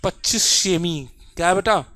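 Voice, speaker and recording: A man's voice: sits high, normal speed, sharp tone. A man teaching a physics lesson in a classroom, joking with and scolding his students as he explains.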